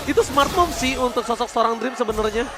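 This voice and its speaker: A man with an Indonesian accent doing excited, emphatic esports play-by-play as a caster, often raising his voice. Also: very high voice, brisk. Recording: music behind the voice. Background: music.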